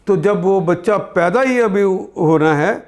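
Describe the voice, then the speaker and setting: An older man with a Pakistani Urdu accent, teaching a Quran translation lesson, explaining each word slowly and repeating terms. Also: sits high, lively intonation, darkish tone.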